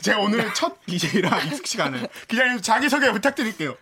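High-pitched, animated man hosting casually. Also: fast talker, over a noisy crowd. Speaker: reporter and stand-in host. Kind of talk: casual studio chat.

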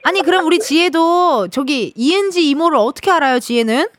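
A woman's voice: high voice, expressive, a little fast, no room sound. A woman hosting a radio show, chatting playfully with a young caller in a teasing, cheering manner. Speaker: radio host. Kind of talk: casual on-air chat with a caller. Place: radio studio.

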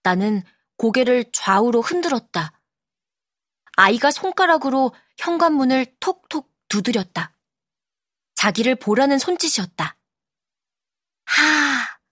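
Woman narrator, audiobook, calm measured reading, slightly high voice, dry close studio sound. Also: no echo. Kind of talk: scripted narration.

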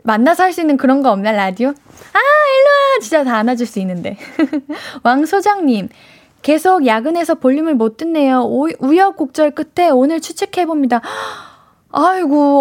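Playful woman radio DJ, high voice. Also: a little mellow. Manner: playful, teasing, slips into cute baby-talk. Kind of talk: live radio chat reading listener messages. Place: radio studio. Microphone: studio microphone.

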